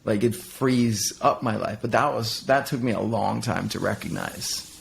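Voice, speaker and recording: A middle-aged Danish man, appearing as an interview guest, reflects candidly on his life in a personal conversation, often restarting and using fillers. His voice is fairly low and creaky at normal speed, with slight background noise.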